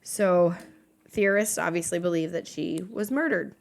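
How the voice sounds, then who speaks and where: Woman, podcast co-host, casual chat, lower-pitched voice, reading through notes, lots of fillers. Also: measured pace, vocal fry. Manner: talks through researched notes with many fillers and restarts. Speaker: podcast co-host leading the episode.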